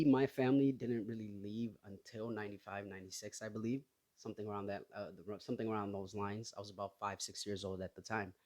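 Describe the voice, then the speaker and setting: A man in his thirties from Somalia, hosting his own podcast and talking in a halting, personal way full of restarts. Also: on the low side. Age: 30s. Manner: hesitant, halting, with many restarts and fillers. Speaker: podcast host. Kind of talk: casual solo podcast talk.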